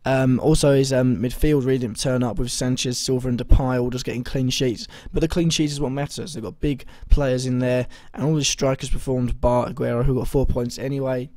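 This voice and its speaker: A young man with a slightly hoarse voice that is still recovering, talking through his fantasy football week in a rambling way, full of ums and self-corrections. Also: medium pitch, steady tone, fairly quick, hardly any pauses, mellow, no echo. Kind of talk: casual video commentary.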